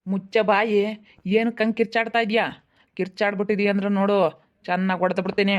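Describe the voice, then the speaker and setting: A woman's voice: medium pitch, brisk, lo-fi sound, natural voice. A woman with a Chitradurga Kannada accent playing a bitter captor who scolds and taunts her prisoner. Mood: scolding. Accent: Kannada, Chitradurga region. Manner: scolding, taunting, flat threats. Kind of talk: amateur village drama.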